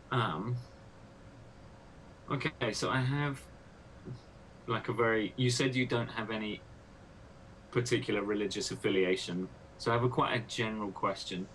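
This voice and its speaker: A man's voice: lowish voice, steady tone, unhurried, long pauses, a bit bright, a little hiss or hum, poor audio. A man, a PhD student, interviewing a guest in casual conversation, thinking aloud with many fillers.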